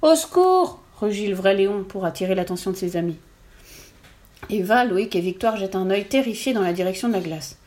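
A woman reading a children's story aloud in a lively storytelling voice. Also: brisk. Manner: lively, voices the characters' lines with raised pitch.

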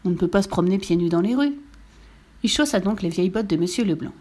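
A woman's voice: mid-range voice, fast talker. Woman reading a children's story. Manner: lively, playful, asks listeners questions.

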